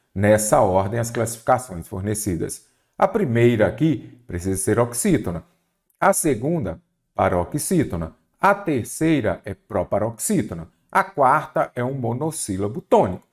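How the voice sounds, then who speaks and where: A man with a Brazilian Portuguese accent teaching an exam-prep grammar lesson, with lively delivery and rhetorical questions to students. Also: mid-range voice.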